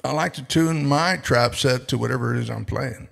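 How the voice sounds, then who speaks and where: A man's voice: medium pitch, normal speed, vocal fry, a bit bright. A man in his sixties from Texas, hosting a casual chat show and teasing his guests with frequent laughter. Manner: joking, teasing, laughs often. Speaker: talk show host.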